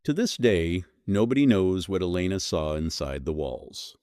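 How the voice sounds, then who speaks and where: This scripted horror mystery is narrated by a man whose low, deep voice is clear, resonant and slightly mellow. He is very animated, yet builds tension through measured, short dramatic lines. The sound is close and dry with no echo.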